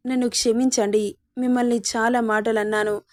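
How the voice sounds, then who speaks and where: A woman's voice: on the high side, level tone, normal speed, close to an everyday voice. A woman reading the part of a hurt, regretful young wife. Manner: pleading, hurt.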